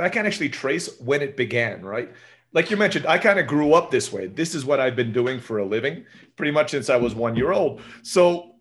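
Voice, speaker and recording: A medium-pitched, slightly bright voice belongs to a man in his forties who grew up in Turkey speaking Turkish natively but has an American accent. He's a casual interview guest telling rambling stories, often tagging his sentences with "right?"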